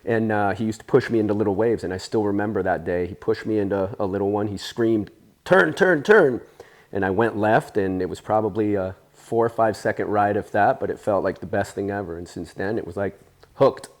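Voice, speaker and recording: A man in his forties, raised in Spain, telling stories in a relaxed interview with plenty of fillers and restarts. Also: on the low side, a little fast. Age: 40s. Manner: easygoing, rambling, with many fillers. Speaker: interview guest, surfer. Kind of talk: casual storytelling interview.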